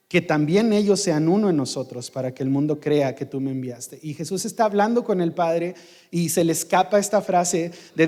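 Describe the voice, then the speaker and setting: A man's voice: fairly high pitch, darkish tone, big-room sound. A man preaching a sermon in church, emphatic, with rhetorical questions and repetition. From Mexico. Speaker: pastor.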